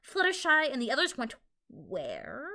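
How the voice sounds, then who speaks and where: A woman's voice: high voice, huge pitch swings, a little slow, creaky, pushed and bright, pitched above the performer's own voice, full character voice. Discord, a frantic chaos spirit, read by a woman. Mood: demanding.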